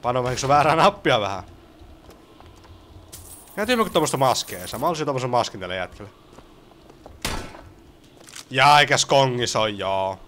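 A young man giving casual let's play commentary, swearing and excitable. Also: medium pitch, long pauses. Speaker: gaming streamer. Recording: game sound noise behind. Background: video game sound.

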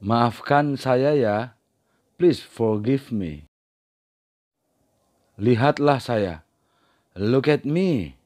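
A man teaching beginners, reading short everyday phrases and then their translations in a slow, scripted drill. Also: medium pitch, lively intonation, darkish tone. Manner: reads each phrase in one language, then its translation. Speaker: language teacher.

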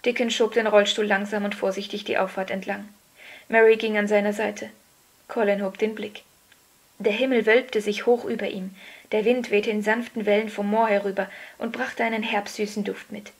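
A woman giving a calm, measured scripted narration of a children's story. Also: mid-range voice, husky. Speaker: audiobook narrator.

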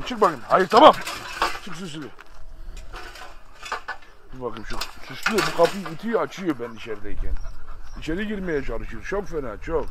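This farm vlog has a man with a rather high voice talking to his audience as he tends his animals near a chicken coop. He swings between coaxing pet talk and scolding outbursts, with a rooster, chickens and birds audible around him.

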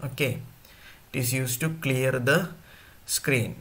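A man's voice: mid-range voice, a bit bright. A male teacher giving an online class, talking to his students directly and repeating points often. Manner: slow, repetitive, addresses students directly.

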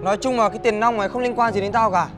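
A man's voice: high voice, fairly even intonation, very fast, music in the background, lightly acted. A man playing a bossy, hot-tempered young shop owner, with blustering, stammering threats, over crowd noise. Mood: gruff. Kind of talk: comedy sketch acting.

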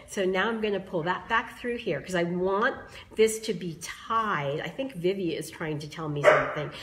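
A slightly hoarse woman demonstrating bow making in a live craft tutorial, chatting with viewers as she explains each step. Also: on the low side, normal speed, fairly bright tone. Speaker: craft tool creator demonstrating bows.

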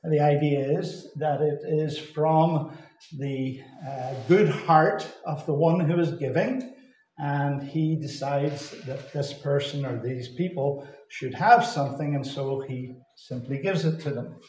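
A man from Canada, giving a deliberate Bible teaching address that repeats and stresses key words. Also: fairly high pitch, a little mellow. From Saskatchewan, Canada. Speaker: Bible conference speaker. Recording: echoey hall.

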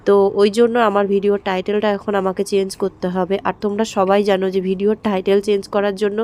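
A woman with a hoarse throat, chatting straight to her viewers in a daily-life vlog voice-over recorded at home. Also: medium pitch, flat delivery, fast, a little mellow. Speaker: vlogger.

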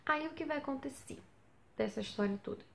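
A young woman telling a story in a casual vlog from a small basement bedroom, animated and full of rhetorical questions. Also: high voice, fairly quick, creaky. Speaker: vlogger on exchange.

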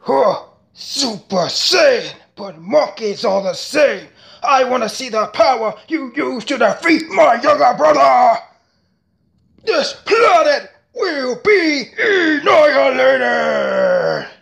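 Man doing an arrogant, slow-talking alien warlord. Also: very high-pitched, huge pitch swings, gravelly, a bit bright, heavily acted. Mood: contemptuous.

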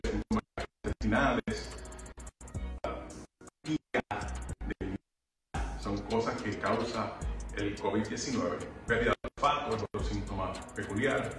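A man hosting an educational health event, reading a steady, informative scripted narration. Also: medium pitch. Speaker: host. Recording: roomy, distant, music underneath. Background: music.

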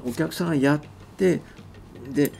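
A man in his sixties giving an infomercial-style live sales demonstration, explaining it with a showman's patter and acting out both pitch and customer lines. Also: moderate pace, gravelly, over music. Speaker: magician and former sales demonstrator. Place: small book-lined office, seated at a table. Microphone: clip-on lapel mic.

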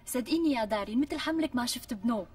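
A woman's voice: on the high side, animated, racing. An actress playing a nosy, teasing young woman friend with a Syrian Damascene accent. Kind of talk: TV sketch acting. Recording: distant mic with faint music.

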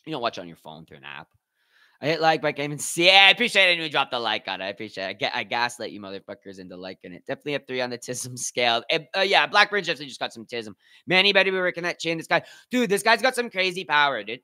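A male streamer runs a live watch party in loose, slang-heavy chatter. His voice sits a little high and rings very bright and forceful. He keeps breaking off to read and answer his chat. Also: animated, very fast. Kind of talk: casual live-stream commentary.

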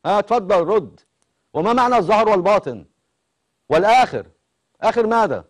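A man's voice: high voice, sing-song, fairly quick. A male TV host with an Egyptian accent who keeps pressing a caller with insistent questions on a live call-in show. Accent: Egyptian Arabic.

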